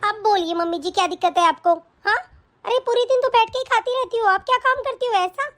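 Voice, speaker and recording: A woman's voice: very high voice, a little fast, fairly bright tone. Woman voicing a whiny spoiled young wife. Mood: defiant. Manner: whiny, complaining, defiant. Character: spoiled quarrelsome young married daughter. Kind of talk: animated story voice acting.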